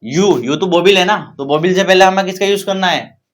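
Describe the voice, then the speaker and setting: A man's voice: high voice, fairly quick. A man with an Indian English accent teaches a grammar lesson in a slightly raised voice. He drills example sentences over and over and keeps asking his students rhetorical questions. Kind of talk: classroom-style grammar lesson.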